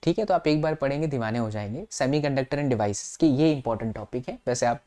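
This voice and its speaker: A man's voice: mid-range voice, fairly quick, warm tone. A young man teaching physics exam revision, mixing terms and formulas into casual Hindi and coaxing his students along.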